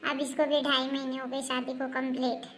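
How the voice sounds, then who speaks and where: A woman's voice: high-pitched, level tone, fairly quick, a bit bright, slight background noise. A woman voicing an assertive elder daughter-in-law who argues insistently for equal rules in a comedic family skit. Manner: argumentative, insistent.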